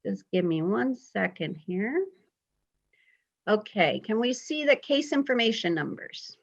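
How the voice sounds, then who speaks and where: A woman's voice: medium pitch, animated, a little slow, creaky, highs cut off. A woman in her fifties, a health emergency preparedness specialist, giving a friendly, informal talk on a video call with frequent ums and uhs. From Vermont. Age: 50s.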